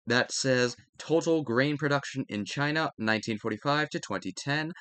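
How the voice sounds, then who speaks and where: A man with a medium-pitched, fairly bright voice reads a history textbook aloud as a lesson, adding brief asides. The recording is dry, and he occasionally stumbles and repeats a phrase to correct himself.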